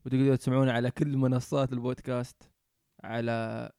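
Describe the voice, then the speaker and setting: A young man from Oman, co-hosting a casual podcast and telling stories in relaxed banter. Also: mid-range voice, vocal fry, clean tone, no room sound, clean studio sound. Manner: quick, storytelling, relaxed banter. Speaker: podcast co-host.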